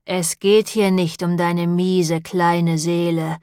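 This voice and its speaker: A woman's voice: medium pitch, steady tone, a little slow, no room sound, studio quality, lightly acted. A woman reading a grim, cold butcher. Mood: quietly menacing. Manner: level and matter-of-fact, turning quiet and menacing.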